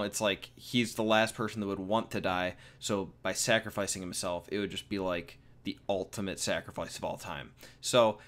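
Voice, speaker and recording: Viewer questions get casual, joking answers from this 21-year-old American in his Q&A vlog. His voice sits on the low side with a touch of brightness, and his rambling replies are full of fillers and repeats.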